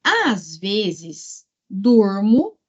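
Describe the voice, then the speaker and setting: A woman's voice: medium pitch, big pitch swings, very slow, husky, muffled recording. A Brazilian woman teaching an exam-prep grammar lesson, explaining step by step and checking in with her students often. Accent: Brazilian Portuguese.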